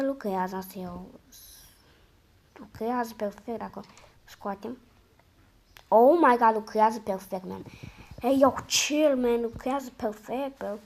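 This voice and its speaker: A woman with a hoarse voice giving casual, slangy gameplay commentary, muttering to herself between sudden loud outbursts. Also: on the high side, a little hiss or hum. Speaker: gamer.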